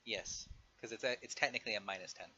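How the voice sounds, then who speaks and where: A man running a tabletop game on a live stream, explaining the rules in a relaxed way with many fillers. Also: fairly low pitch, quick pace, breathy edge. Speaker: game master. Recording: dull lo-fi stream audio.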